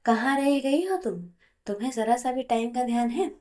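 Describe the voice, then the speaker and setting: A woman's voice: fairly high pitch, fairly quick, dark tone, natural voice. A woman voicing a middle-aged mother who scolds her daughter in a rude tone over the phone in a told story. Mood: scolding.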